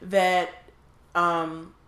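A woman's voice: fairly low pitch, level tone, very slow, fairly bright tone. A young woman with a slight lisp, co-hosting a casual celebrity gossip chat, talking loosely with fillers and frequent laughs. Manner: chatty, laughs often, loose filler-heavy delivery. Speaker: podcast co-host. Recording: roomy echoey room.

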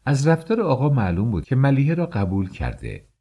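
A man reading an audiobook as its narrator, in a measured, expressive storytelling manner. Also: medium pitch, slightly rough. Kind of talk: scripted narration.

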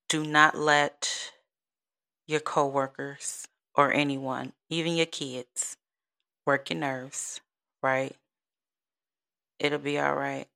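This podcast host, a woman in her 30s, has a low-pitched voice that's a bit bright. She chats casually on her solo show, soothing, giggly and prone to rambling.

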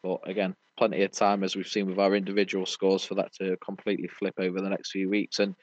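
A British sports podcast host with a low voice talks fast in a completely flat delivery, caught in a dry, dull lo-fi recording. It's a casual sports review chat, and he explains things in a matey, rambling way.

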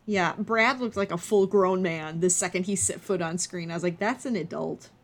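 A woman's voice: fairly low pitch, steady tone, normal speed. A woman co-hosting a podcast in casual chat, with wry, exaggerated commentary. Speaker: podcast co-host.

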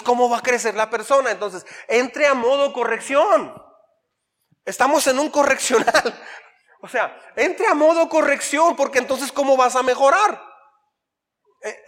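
A man's voice: high voice, a bit bright, big-room sound. A man, a pastor giving a conversational sermon full of acted-out quotes and humor.

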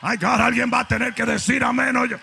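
A male pastor, preaching an emphatic sermon, often shouting and throwing in jokey asides. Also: very high-pitched, fairly even intonation, brisk, gravelly, long reverb tail, some chatter behind.

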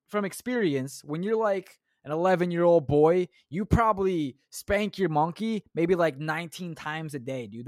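A young man with a high voice hosts his own podcast, recorded dry at studio quality. In this solo comedic rant he rambles crudely, mocks himself and swears often.

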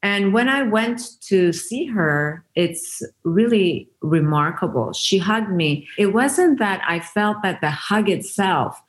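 An Iranian woman whose first language is Farsi appears as an interview guest; she founded a women's giving circle. Her medium-pitched voice is animated yet slow, with hardly any pauses. She tells stories earnestly and reflectively in conversation, restarting often.

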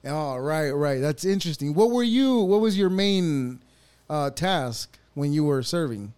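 A man in his thirties from El Salvador, hosting a casual conversation, halting and restarting often and laughing easily. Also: fairly high pitch, animated, a little mellow, smooth. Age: 30s.

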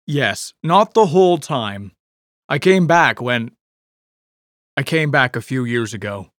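A man's voice: medium pitch, animated, takes it slowly, fairly bright tone, no echo, clean studio sound. A man voicing a secretive, defensive middle-aged man, answering in short, evasive replies. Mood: guarded. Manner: terse, evasive.

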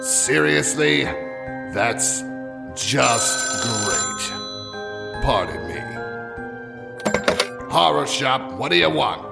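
A man playing a gravelly, sinister horror shopkeeper. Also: mid-range voice, expressive, loud music behind the voice, exaggerated voice. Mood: menacing. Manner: slow, drawn-out, mock-sinister delivery. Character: sinister male horror shopkeeper, macabre, theatrical, easily irritated. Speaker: horror shop keeper host. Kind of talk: audio horror drama hosting.

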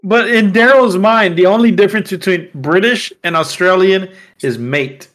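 A man's voice: high voice, moderate pace, a bit bright. A man co-hosting a casual podcast, teasing his friends and laughing often. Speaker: podcast co-host. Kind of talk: casual chat.

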